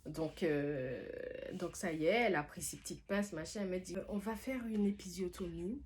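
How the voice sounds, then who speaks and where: A woman's voice: fairly low pitch, normal speed. A young woman casually retelling a personal story for a vlog, chatty and slangy, acting out what others said. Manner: chatty, lively, slangy retelling with quoted dialogue. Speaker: vlogger.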